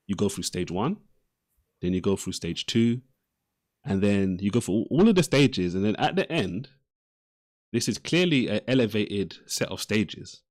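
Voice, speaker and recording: The host of an unscripted live debate argues in a lowish voice, insistently repeating and restarting his phrases.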